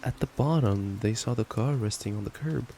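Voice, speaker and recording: In a noisy track with rain in the background, a young man does an affectionate, playful ASMR boyfriend roleplay. He reads a bedtime story at normal speed in a medium-pitched voice, stumbling and adding giggly asides.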